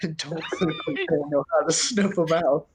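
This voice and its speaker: Male game master as a gruff, menacing hunter; slightly high, taunting tabletop villain. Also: huge pitch swings, normal speed.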